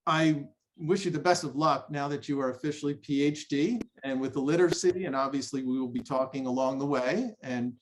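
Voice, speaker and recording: A man's voice: mid-range voice, brisk, few pauses. A man hosting a podcast conversation, speaking in an affirming, enthusiastic way. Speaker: podcast host.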